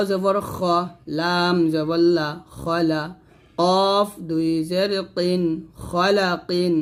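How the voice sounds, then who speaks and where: Slow, patient male Quran reading teacher. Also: on the high side. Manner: spells letters and vowel marks slowly, then blends them, correcting common mistakes. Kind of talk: slow syllable-by-syllable spelling lesson.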